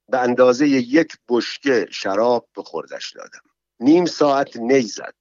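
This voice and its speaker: A man's voice: medium pitch, darkish tone, no room sound, natural voice. A man reading as a furious young dancer. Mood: sulky. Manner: indignant, complaining. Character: angry young woman, a cabaret dancer. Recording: dull, dry, slightly muffled sound.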